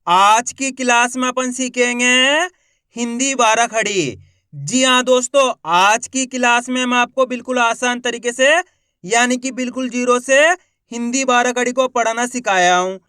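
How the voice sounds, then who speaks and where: A man teaching beginners in an online lesson. He speaks with insistent, repeated assurances and slowly sounds out each syllable, drawing the long vowels out. The sound is close and dry, with no room echo. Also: extremely high pitch, sharp tone, clean tone. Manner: emphatic, repeats assurances and calls the viewers 'friends'. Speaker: Hindi teacher, channel host.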